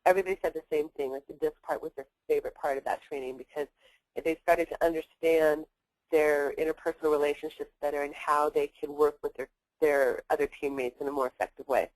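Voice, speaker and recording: A woman trainer giving a webinar presentation, talking in a fast, blunt, chatty way with many fillers. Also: low-pitched, steady tone, darkish tone, dry recording, rough recording. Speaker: workplace trainer.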